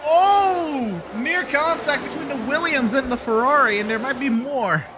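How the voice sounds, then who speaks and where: A man calling a sim race in an excitable motorsport commentator style. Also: very high-pitched, a little slow, music in the background, a crowd in the background. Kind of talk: motorsport commentary of a sim racing game with casual chat.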